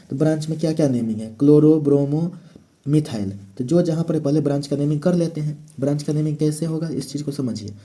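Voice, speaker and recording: A man's voice: a little high, mellow. A man teaching a chemistry lesson step by step, asking questions and answering them himself. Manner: step-by-step explaining, asks and answers his own questions. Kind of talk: classroom lecture.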